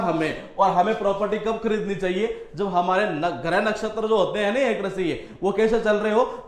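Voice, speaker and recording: A man teaching a vocabulary lesson, explaining words with memory tricks and everyday stories and repeating his phrases. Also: high-pitched. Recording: echoey room.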